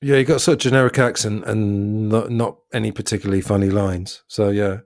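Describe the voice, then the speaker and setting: A man hosting a podcast, chatting about a comedy film in an opinionated, relaxed way. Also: lowish voice, brisk, no room sound, studio quality. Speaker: podcast host. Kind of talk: casual film review chat.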